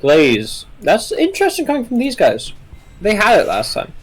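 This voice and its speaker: A man co-casting a live esports broadcast, with a husky voice and a pitch that swings about. He trades jokes and playful banter with his partner. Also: huge pitch swings, moderate pace, low-quality recording. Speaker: esports co-caster. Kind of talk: casual live esports commentary.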